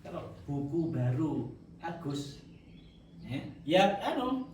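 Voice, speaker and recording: A man's voice: on the high side, slow pace, far from the mic, slight background noise. Man teaching in an echoey hall. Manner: relaxed, joking, mixes in Javanese. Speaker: Arabic teacher. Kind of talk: classroom lesson. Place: large echoey mosque hall.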